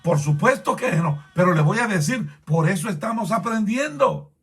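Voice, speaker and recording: A man preaching a sermon as a pastor, impassioned and rising to shouts, repeatedly urging his listeners to pay attention. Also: high voice, animated, moderate pace, slightly rough, faint music behind.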